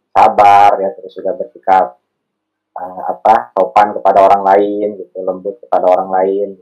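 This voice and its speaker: A man in his thirties, a podcast guest, talking through his family and early career in an unhurried, thoughtful way, with many fillers. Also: sits low, a little mellow, poor audio. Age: 30s. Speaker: podcast guest, alumni candidate. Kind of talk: casual interview chat.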